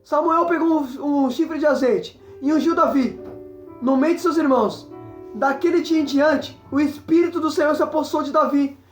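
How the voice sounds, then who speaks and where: A woman's voice: high voice, moderate pace, darkish tone, roomy sound, soft background music. A woman preaching a sermon, talking emphatically, repeating herself and breaking into exclamations. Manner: emphatic, repetitive, exclaims often. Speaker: evangelist preacher.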